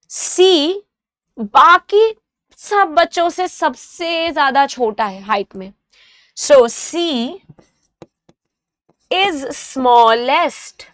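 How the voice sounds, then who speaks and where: A woman with an Indian accent teaching a grammar lesson, slow and careful in English and rapid in Hindi, spelling out letters and repeating example words. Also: high-pitched, a bit bright, no room sound, studio quality.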